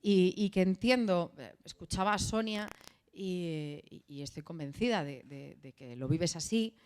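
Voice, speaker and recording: Galician woman on a panel, kinda low voice, earnest, repeats herself a lot. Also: measured pace, darkish tone, clear, resonant tone. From Galicia, Spain. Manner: earnest, repeats phrases for emphasis. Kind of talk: round-table debate.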